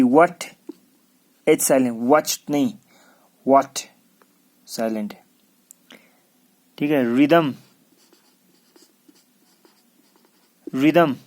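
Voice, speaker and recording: Male teacher, unhurried and drilling, spells each word out letter by letter, mid-pitched voice. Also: a little mellow. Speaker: English teacher. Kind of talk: classroom lesson.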